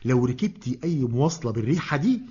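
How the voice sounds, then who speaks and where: An actor playing a sarcastic, teasing husband with an Egyptian accent in a comic radio sketch. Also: male voice, medium pitch, animated, quick pace, dark tone, breathy edge. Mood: mocking. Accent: Egyptian Arabic. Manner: sarcastic, mocking, laughing jabs. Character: mocking Egyptian husband who teases his wife. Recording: dull lo-fi radio archive.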